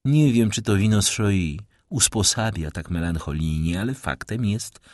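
A man voicing a witty young society gentleman with an ironic, lively manner. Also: lowish voice, normal speed, dry recording, clean studio sound, natural voice. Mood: concerned.

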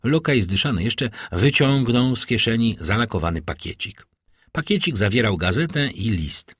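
A man narrating an audiobook in an expressive storytelling reading. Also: on the low side, moderate pace, slightly rough, no echo, clean studio sound. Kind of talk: scripted narration.

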